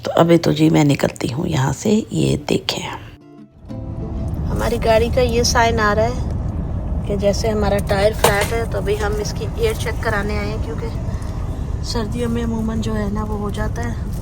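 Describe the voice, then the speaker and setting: A woman's voice: medium pitch, normal speed, gravelly, loud music behind the voice. A woman in her thirties from Pakistan with a Pakistani accent, chatting casually to viewers in a daily vlog. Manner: chatty, talks to viewers while driving and errands. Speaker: vlogger. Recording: camera audio with steady background noise.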